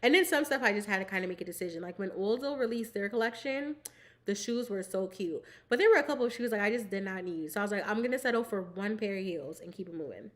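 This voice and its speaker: A young woman with a mid-range voice hosts a relaxed live stream, bubbly and giggly as she chats with her viewers. She peppers her talk with "like" and sometimes speaks while nibbling on snacks. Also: mid-range voice, quick pace. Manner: bubbly and giggly, fills speech with "like". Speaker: livestream host. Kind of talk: casual chat with live viewers.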